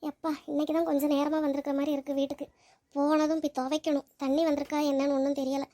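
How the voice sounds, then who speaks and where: A tender, anxious young woman in a cartoon, fretting aloud over a crying baby, played by a woman. The voice sits very high and barely rises or falls, so the worry comes out in an even, pleading tone. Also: fast talker, lightly acted. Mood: earnest. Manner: fretful, pleading, talks to herself. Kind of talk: cartoon voice acting.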